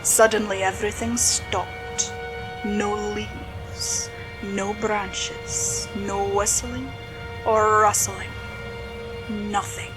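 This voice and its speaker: A woman narrating a horror story slowly and dramatically, dropping to a hush at tense moments. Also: medium pitch, flat delivery. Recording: spooky music bed under voice.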